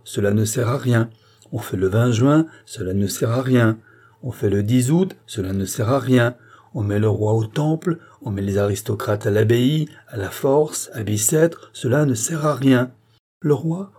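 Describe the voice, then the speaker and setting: A man's voice: mid-range voice, dark tone, husky. A man reading the part of a cold, scheming male occultist in an audiobook, with a sweeping, relentless oratorical delivery.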